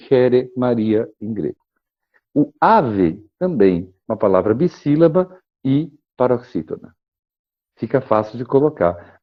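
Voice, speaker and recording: A man, a guest expert explaining things in a measured, lecturing way, often tagging questions and pausing to cough. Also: medium pitch, highs cut off. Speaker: guest expert on liturgical chant. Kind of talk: explanatory interview talk.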